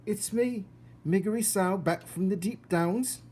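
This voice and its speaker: A man voicing a simple, slow-witted servant girl in a storybook, loud and cheerful, with folksy ungrammatical speech. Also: high-pitched, slightly rough, voice pushed up.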